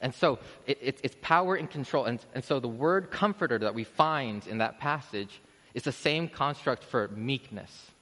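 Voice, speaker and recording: A man's voice: mid-range voice, expressive, moderate pace, fairly bright tone. A man preaching a sermon in a church, casual and conversational, restarting sentences and building to emphatic peaks. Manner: conversational, self-interrupting, rising to emphatic peaks. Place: church sanctuary. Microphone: podium microphone. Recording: long church reverb.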